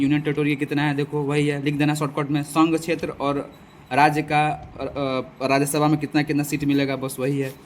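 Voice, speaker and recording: Male exam tutor, slightly high voice, casual repetitive lecturing outdoors, faint noise. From Bihar. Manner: chatty, repeats lists, addresses viewers as bhai. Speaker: exam coaching teacher. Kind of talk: casual spoken lesson with rhetorical questions. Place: farm field outdoors.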